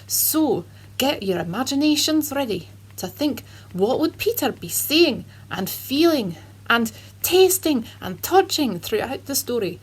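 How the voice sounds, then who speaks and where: A woman putting on a cheerful Scottish man who tells Bible stories to children. His voice is husky and sits fairly high, and his narration is earnest and dramatic. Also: sing-song, a little slow, heavily acted, poor audio. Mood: solemn. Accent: Scottish (put on).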